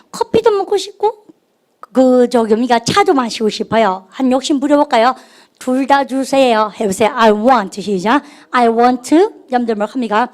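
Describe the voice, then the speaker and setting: A woman teaching an English grammar lesson in an energetic, call-and-response classroom manner. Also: a little high. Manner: energetic, drills students with call-and-response prompts. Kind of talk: lively classroom lecture.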